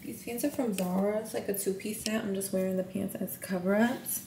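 A young woman chatting through a hotel room tour with a handheld camera held out at arm's length, gushing and sometimes dropping to a near whisper. Her voice has a gravelly, fry-edged texture, and it bounces around a small tiled room. A faint hiss sits under it. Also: medium pitch, fairly even intonation, a little fast, darkish tone, echoey room. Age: young adult. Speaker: vlogger.

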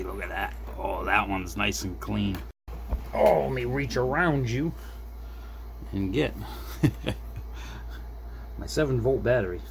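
Gravelly and mid-range, this middle-aged man's voice narrates an off-the-cuff repair at his indoor desk. As a hobbyist repair video maker, he thinks aloud casually for viewers. The audio includes background noise and room ambience.

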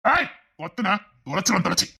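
A woman as a fast, threatening police officer. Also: medium pitch, sing-song, gravelly, bright, forceful tone, husky, heavily acted. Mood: stern. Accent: Tirunelveli Tamil. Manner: blunt, threatening. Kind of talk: comedy skit acting.

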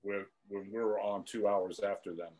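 A man's voice: on the low side, little pitch movement, moderate pace, a little mellow, poor audio. A man in his fifties, a former drum line member, candidly recalling events in a rambling, repetitive way. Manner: rambling, repeats words, candid. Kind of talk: casual reminiscing chat.

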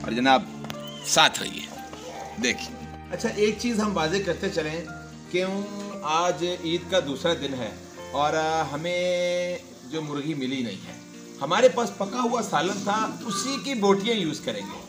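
Cooking over a wood fire in a village yard, a man in his forties chats to his viewers and addresses them directly during a casual demonstration for his vlog. His fairly high voice is animated and unhurried, recorded on a cameraman's handheld camera mic with music underneath.

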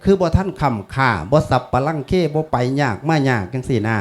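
Folksy Isan monk preaching. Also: male voice, medium pitch, lively intonation, fairly quick. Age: 50s. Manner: folksy, chatty teaching with Pali chanting. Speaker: monk giving a funeral sermon. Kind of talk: sermon.

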